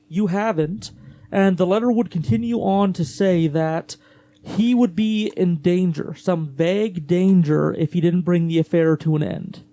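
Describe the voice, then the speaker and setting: Recorded at low quality, this man's voice sits high but carries a dark tone. As a podcast host, he walks through a true-crime case casually, with fillers and restarts, and his voice grows gravelly as the day wears on.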